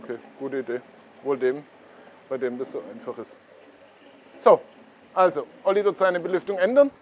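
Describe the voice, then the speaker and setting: A man's voice: a little high, animated, normal speed, phone-quality sound. A man hosts a koi blog, explaining things casually at a pond and pointing them out to the viewer.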